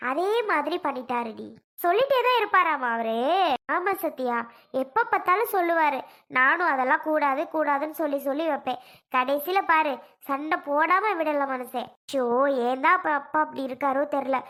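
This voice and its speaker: Pleading cartoon mother, high. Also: lively intonation, moderate pace, sharp tone. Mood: worried. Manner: coaxing, pleading. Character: pleading middle-aged mother, woman. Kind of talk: cartoon serial voice acting.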